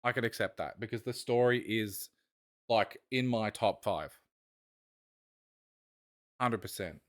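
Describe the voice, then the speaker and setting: A man's voice: lowish voice, measured pace. A man co-hosting a casual podcast chat, rambling enthusiastically and often trailing off mid-thought. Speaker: podcast co-host.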